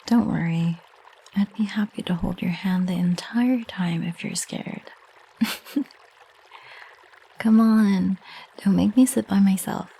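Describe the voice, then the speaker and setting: Woman as a breathy, flirty succubus, ASMR role-play. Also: mid-range voice, slow pace, pauses often, full character voice, rough recording. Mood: playful, coaxing. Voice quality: breathy, soft. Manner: teasing, intimate, coaxing.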